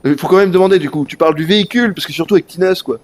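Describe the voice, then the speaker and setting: Animated male game streamer, higher voice. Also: very fast. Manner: animated, talks straight to chat, swears casually. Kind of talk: live gameplay commentary.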